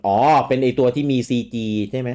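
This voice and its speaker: A man's voice: medium pitch, fairly quick, dark tone, clear, resonant tone. A man co-hosting a casual gaming chat, reading out listener comments and laughing often. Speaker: podcast co-host.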